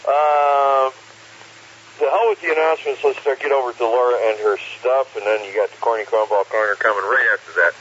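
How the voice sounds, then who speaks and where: A man's voice: mid-range voice, steady tone, a little fast, fairly bright tone. A man with a folksy, joking way of talking, casually hosting an amateur radio net as net control, over a radio transmission with static. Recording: hissy, muffled radio with static.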